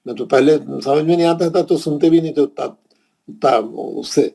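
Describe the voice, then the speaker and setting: A man's voice: on the high side, moderate pace, gravelly, warm tone. A man from India with a Hyderabadi Urdu accent, teaching a Quran recitation class patiently, repeating points and checking in with his students. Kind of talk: classroom lesson.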